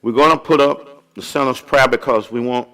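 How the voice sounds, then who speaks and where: A man's voice: medium pitch, a bit bright. A man preaching a sermon as pastor of a church, calling out and drawing out his words. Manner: preaching with rising calls and drawn-out words.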